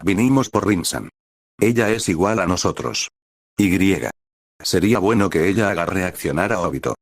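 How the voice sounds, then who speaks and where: Calm, steady teen ninja boy, low and dry, read by a man. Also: moderate pace, no room sound. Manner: calm, steady, matter-of-fact. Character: teenage boy ninja hero, calm and direct.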